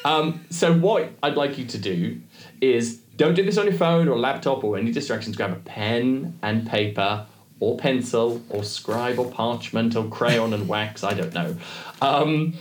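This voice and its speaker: A man's voice: medium pitch, animated, unhurried, a little hiss or hum. A man co-hosting a podcast, talking in a chatty, jokey way that often wanders off into asides. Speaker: podcast co-host. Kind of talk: casual chat. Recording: roomy echo.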